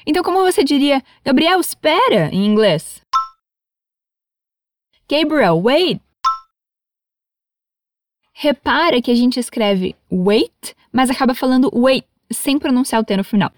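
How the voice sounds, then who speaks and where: A woman's voice: high-pitched, big pitch swings, unhurried, pauses often, dry recording, clean studio sound. A Brazilian woman with a Brazilian Portuguese accent, teaching English in a patient, encouraging, playful way. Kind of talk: lesson for learners.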